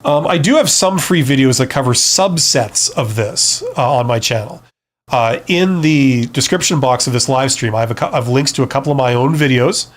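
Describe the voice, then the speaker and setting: A former CEO turned career advisor hosts a casual live stream, speaking at a moderate pace in a mid-range voice. His advice is frank and conversational, and he often checks in with the listener as he goes.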